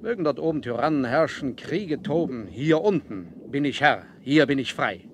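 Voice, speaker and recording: An actor playing a proud, defiant submarine captain in a 1970s adventure radio play, speaking in a measured, formal, commanding way. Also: male voice, medium pitch, expressive, natural voice. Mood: defiant, impassioned. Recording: noisy 1970s vinyl audio drama.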